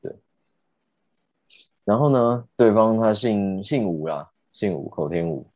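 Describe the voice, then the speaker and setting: Brief: young man, low and dark voice, indignant storyteller. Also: unhurried, no room sound. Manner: animated, indignant, swears casually. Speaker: podcast host. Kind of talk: casual storytelling.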